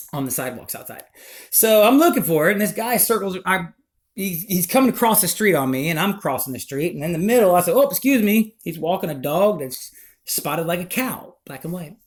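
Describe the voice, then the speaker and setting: Man telling a story, voice swooping widely. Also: fairly high pitch. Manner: animated, rambling, emotional retelling. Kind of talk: personal testimony storytelling.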